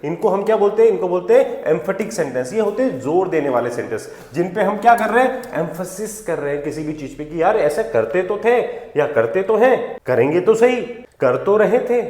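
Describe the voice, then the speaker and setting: A man's voice: high-pitched, animated, fairly quick, a little mellow. A man teaching a grammar lesson, who asks rhetorical questions and answers them himself and leans hard on key words. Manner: stresses key words for emphasis. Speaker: spoken English teacher. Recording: echoey room with long reverb.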